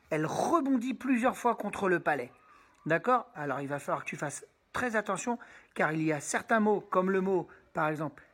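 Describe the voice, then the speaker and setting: A woman teacher giving a pronunciation lesson, patiently explaining and repeating sounds slowly while speaking directly to the student. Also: sits low, husky. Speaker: Spanish teacher.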